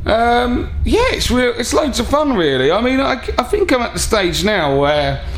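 A man with an Essex accent chatting casually as a comedian in an interview, jokey, colloquial and self-deprecating. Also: medium pitch. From Essex, England. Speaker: stand-up comedian guest. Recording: roomy echo, faint background noise.

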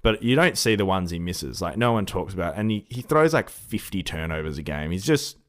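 Aussie guy with a low voice, blunt and slangy, chatting casually about sport. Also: animated, a little fast. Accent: Australian. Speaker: podcast co-host giving opinions.

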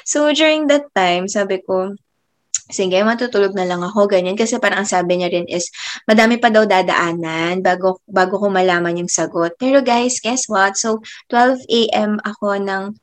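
A young woman in her twenties, a teacher, telling a personal faith story in a casual, chatty way. She laughs often and lets many phrases trail off softly. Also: mid-range voice, normal speed. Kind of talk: casual faith testimony vlog.

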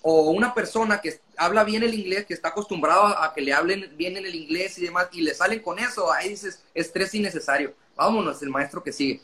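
High, bright man chatting. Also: brisk, few pauses. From Mexico. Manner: talkative, explanatory, often self-interrupting. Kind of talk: casual conversation.

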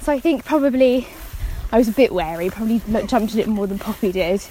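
A woman vlogger chatting casually while hiking up a hill, bubbly and quick to laugh, recorded outdoors. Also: a little high, expressive, warm tone, poor audio. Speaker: vlogger on a challenge. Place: hillside outdoors at dawn. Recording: outdoor wind and field noise.

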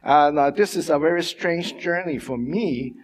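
A pastor from Hong Kong, whose first language is Mandarin or Cantonese, delivers a sermon in a church hall with long reverb. His voice is a little high, and he speaks haltingly, with many fillers and restarts.

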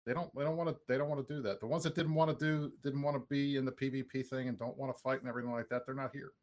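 Man, podcast co-host, quick loose chatter, joking tone. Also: medium pitch, fairly even intonation, darkish tone. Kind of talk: casual podcast chat.

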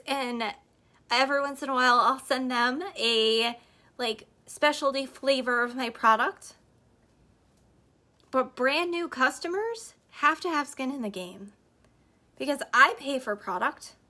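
Speaking directly to her audience on a live stream, a podcast host and network marketer gives motivational business advice. Her voice is high and bright with a slight hoarseness, and she's emphatic and repetitive, hammering each point home.

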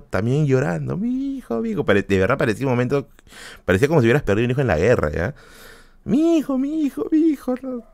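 A young man, hosting a podcast and telling a family story in a casual, animated way, often repeating himself and jumping up in pitch when he quotes people. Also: no echo. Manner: animated, jumps high when quoting people, repeats words, laughs often. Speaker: podcast host.

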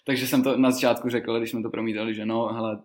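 A man chats casually as a podcast guest. He rambles through his stories, laughs easily and leans on fillers. His pitch sits in the middle of the male range. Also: level tone. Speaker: guest rapper. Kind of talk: casual storytelling.

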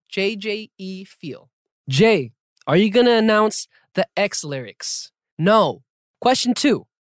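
A young man hosting a podcast in a playful, lively way, reading listener questions and chatting casually. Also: a little high, dry recording, clean studio sound. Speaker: podcast host.

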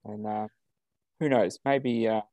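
A man's voice: fairly low pitch, fairly even intonation, slow, warm tone. An Australian man co-hosting a podcast over a video call, chatting casually with lots of ums and uhs. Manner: easygoing, many ums and uhs, chuckles. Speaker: podcast co-host. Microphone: video call setup.

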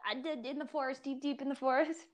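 Joking young woman, slightly high voice. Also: steady tone. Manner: joking, playful, quick to laugh. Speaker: guest. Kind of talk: casual podcast chat.

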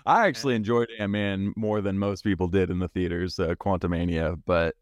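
Low-voiced man, laughing podcast guest. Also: steady tone, moderate pace. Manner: laughs often, hesitant opinions. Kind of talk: casual podcast chat.

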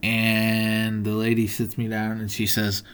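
A man's voice: fairly low pitch, completely flat delivery, unhurried, a bit bright, smooth. A man hosting a podcast, telling a personal story in an earnest, motivational way, with many fillers and restarts. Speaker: podcast host.

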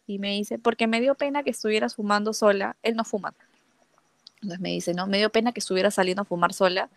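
A woman's voice: mid-range voice, no echo. A young woman casually telling a personal story, acting out the dialogue with lots of fillers. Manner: lively, acts out quoted dialogue, frequent fillers.

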